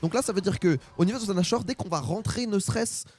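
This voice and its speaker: A young man doing excited live esports commentary as a co-caster, fast and full of exclamations. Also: high-pitched.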